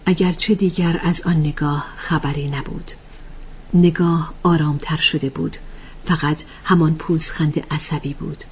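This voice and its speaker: A woman narrating a story softly and in a hushed voice. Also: low voice, steady tone, a little hiss or hum. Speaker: audiobook narrator.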